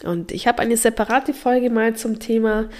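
On her podcast, a woman who coaches childbirth talks informally with expectant mothers in a voice on the high side, darkish in tone and at normal speed. She sounds a bit nasal from a mild cold and pauses hesitantly again and again.

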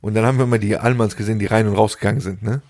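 A man's voice: fairly low pitch, fairly even intonation, very fast, darkish tone. A young man co-hosting a casual podcast, telling anecdotes, laughing at his own jokes and mimicking other people's voices. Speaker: podcast co-host. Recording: remote call audio.

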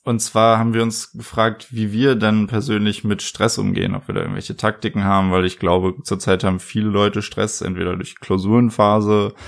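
Low, gravelly young podcast host. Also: male voice, a little fast, few pauses. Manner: relaxed, loose, full of ähm and restarts. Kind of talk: casual chat.

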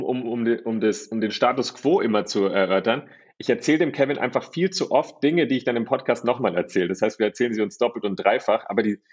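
A man's voice: medium pitch, husky, highs cut off. A man co-hosting a podcast, telling stories playfully and acting out the dialogue. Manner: playful storyteller, acts out dialogue. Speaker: podcast co-host. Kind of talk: casual podcast chat.

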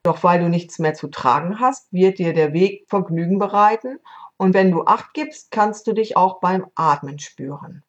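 A woman voicing a wise, kind female fairy who gives counsel in a gentle, instructive way. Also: on the low side, moderate pace, dull audio, natural voice.

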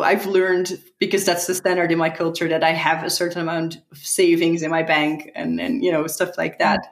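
A woman's voice: fairly low pitch, gravelly. A woman answering interview questions thoughtfully, often repeating a word as she gathers her thoughts. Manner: thoughtful, repeats words as she thinks, laughs lightly. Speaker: guest. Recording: echoey room.

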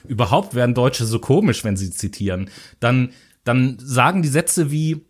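A man with an average-pitched voice co-hosts a casual educational chat. He makes sarcastic, mocking remarks and crude jokes. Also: animated, normal speed, breathy edge. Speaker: co-host.

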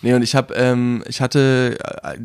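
A young man from Brandenburg chats casually as a podcast guest. His voice sits in a middle pitch, and he rambles and hesitates with plenty of fillers. The recording is dry and close. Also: monotone, measured pace, clear, resonant tone, no echo. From Brandenburg, Germany. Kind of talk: casual chat.

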